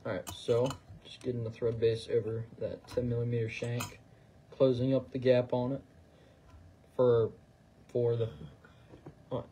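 Man, fly-tying demo, casual, level flat delivery, slight room noise. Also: medium pitch, moderate pace. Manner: relaxed, talks while working, fillers and trailing phrases. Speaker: fly tier demonstrating on a livestream. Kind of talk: casual instructional chat.

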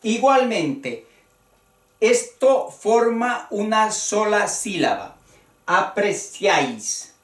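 A Spanish teacher giving a spoken grammar lesson, talking deliberately and counting out syllables one by one. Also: mid-range voice, lively intonation, distant mic. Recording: echoey room, voice away from the mic.

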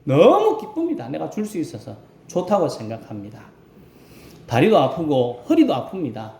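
A man's voice: fairly high pitch, normal speed, creaky. A male rural pastor preaching a Sunday sermon, asking his congregation questions as he goes. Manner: animated preaching, asks the congregation questions and acts out voices. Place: church sanctuary. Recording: roomy church echo.

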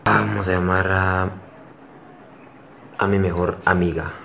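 A young man with a Central American Spanish accent and a fairly low voice talks casually as a vlog host. He is in a small bedroom that echoes, with slightly dull sound. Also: level tone, takes it slowly, gravelly, sharp tone. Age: young adult. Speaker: prank caller and video host. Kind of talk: casual vlog chat and phone prank. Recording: echoey, dull room sound, faint noise.

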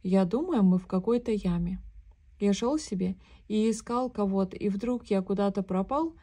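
A woman voicing a timid little male piglet in a children's storybook reading, speaking in a thin, squeaky, fretful voice. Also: moderate pace, natural voice. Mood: timid worry. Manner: fretful, soft-spoken.

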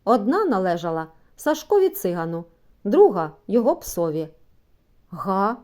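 A woman's voice: fairly high pitch, sing-song, normal speed, mellow. A woman narrating a children's story as an audiobook, reading expressively and giving the characters voices.

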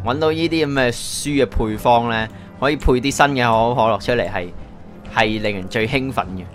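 A man's voice: medium pitch, brisk, faint music behind. A man with a Hong Kong Cantonese accent giving a casual, chatty game walkthrough, thinking aloud as he plays. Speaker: gaming YouTuber.

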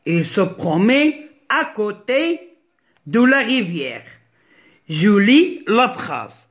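Slow-spoken Moroccan man teaching reading. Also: high voice, very animated, a bit bright. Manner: slow, deliberate, repeats words and syllables. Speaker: primary school teacher. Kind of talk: slow French reading lesson with Moroccan Arabic explanations.

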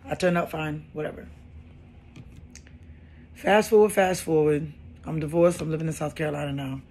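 A woman in her thirties with a low-pitched voice tells a personal story at normal speed. She's casual and animated, frequently repeating phrases for emphasis.

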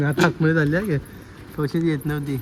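A woman's voice: deep voice, fairly even intonation, normal speed. Woman vlogger coaxing over animal noise. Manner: coaxing, teasing, repeats herself. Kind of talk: casual vlog chat. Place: outdoors at a cow shelter. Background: animal sounds and outdoor ambience.

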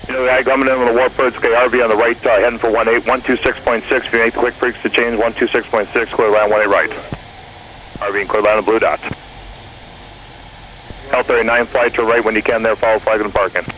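Heard in a jet cockpit, a male air traffic controller in the airport tower issues clipped but polite radio instructions. He speaks fast at a mid-range pitch with little variation and a slightly bright quality. The recording is poor, with faint noise on the aviation radio.

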